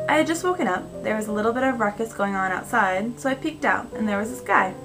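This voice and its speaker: A young adult American woman narrating first-person fiction in a measured, conversational reading style. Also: mid-range voice, rough recording. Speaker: storyteller. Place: small indoor room at home. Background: music, guitar.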